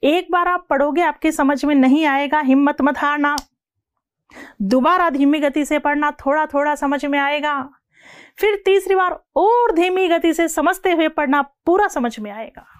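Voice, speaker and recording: A woman teacher giving a lecture, asking her students questions and repeating the definitions slowly, word by word. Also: high-pitched, dry recording, studio quality. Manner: repeats and asks the class questions; slows down to read definitions word by word. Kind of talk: classroom lecture.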